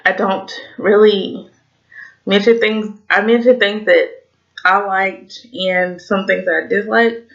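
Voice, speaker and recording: A woman's voice: mid-range voice, steady tone, slow, vocal fry, a bit bright, dull audio. A young woman in her twenties with a Southern US accent, rambling tipsily and swearing through a casual TV review vlog. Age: 20s. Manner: rambling, swearing, many "like" fillers. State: tipsy, slightly slurring. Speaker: TV review vlogger. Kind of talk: casual chat.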